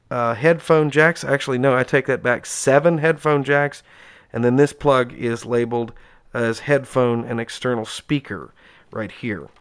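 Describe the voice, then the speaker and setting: Explaining as he goes, a man runs an unscripted, chatty tabletop demonstration of equipment indoors at home, shot close up. His dry enthusiasm comes through in a clean, medium-pitched voice.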